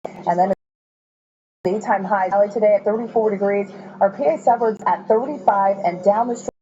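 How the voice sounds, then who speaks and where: A woman's voice: mid-range voice, normal speed, warm tone. A woman giving a live TV weather and features report in an upbeat, informal way. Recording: dull lo-fi broadcast.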